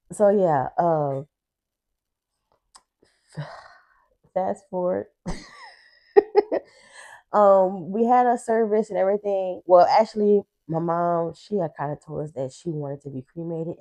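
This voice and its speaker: A woman with a low, warm, mellow voice tells a personal story. She speaks haltingly and restarts her sentences often. She sounds emotional, holding back tears. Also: poor audio. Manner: halting, with many fillers and restarts. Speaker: co-host.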